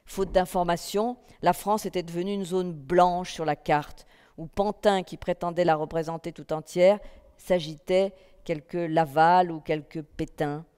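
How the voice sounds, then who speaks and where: A woman reading a literary text aloud at a festival, in a calm, measured first-person narration. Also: fairly low pitch, clear, resonant tone. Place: festival stage in a hall. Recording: long reverb of a hall.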